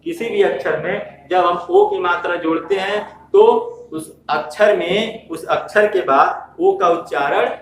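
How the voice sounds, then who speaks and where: A man teaching a lesson to young children, speaking slowly, repeating himself and asking questions that he answers himself. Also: sits high, fairly bright tone. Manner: slow, repetitive, asks questions and answers them himself. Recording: echoey room, voice from far off.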